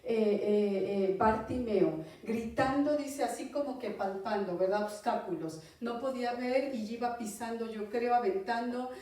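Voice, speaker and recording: A woman preaching a Bible teaching sermon in a conversational tone, often asking listeners "right?" and pausing on fillers. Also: on the high side, warm tone. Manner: conversational, often asks "¿verdad?", hesitant fillers. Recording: echoey room, voice from far off.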